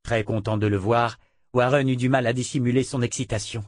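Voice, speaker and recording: A man narrating a fantasy novel in a steady, even storytelling manner. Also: medium pitch, a little fast, no echo. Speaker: audiobook narrator. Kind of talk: scripted narration. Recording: dry close recording.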